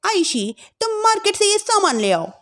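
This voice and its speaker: Lady doing a snobby bossy young sister in law, whiny, high pitched, family story. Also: very animated, normal speed, fairly bright tone, exaggerated voice. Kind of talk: acted family-drama storytelling.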